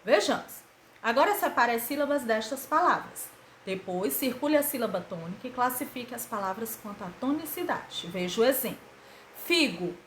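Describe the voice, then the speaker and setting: A woman teaching a grammar lesson to children, with a slightly high voice that swings widely in pitch. She talks in a patient, didactic way, posing questions and answering them herself and drawing out syllables to show stress. The recording sounds echoey, as if made in a bare room. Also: animated, fairly quick, a little hiss or hum. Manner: didactic, asks and answers her own questions, stretches syllables for emphasis. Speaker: schoolteacher.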